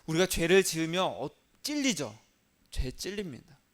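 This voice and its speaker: A man's voice: on the high side, very animated, normal speed. A male pastor giving a sermon in a conversational way, asking rhetorical questions and acting out inner thoughts.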